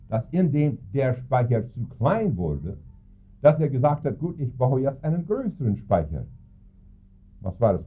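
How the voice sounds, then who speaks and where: A middle-aged man delivers a sermon in a storytelling manner, his pitch leaping up for emphasis and dropping again. His voice sits in an ordinary middle register. The recording is thin and tinny, as if heard down a phone line. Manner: storytelling, lively intonation with sudden emphatic rises. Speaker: preacher.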